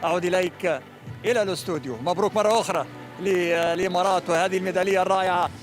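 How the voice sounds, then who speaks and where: A man reports live from a sports event and interviews athletes. His voice is high and he talks quickly, with faint music behind him.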